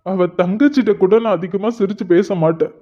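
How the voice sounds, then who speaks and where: Weeping and heartbroken, the lovesick young man in this cartoon drama is voiced by a male performer with a high but dark-toned voice. His pleading comes out slow, broken and tearful, and the lo-fi recording sounds dull.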